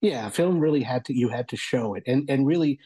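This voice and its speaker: A guest reviewer with a mellow, husky, soft-edged voice at medium pitch talks through a casual spoken review. He's animated yet conversational and thoughtful, frequently pausing as he gets to his point.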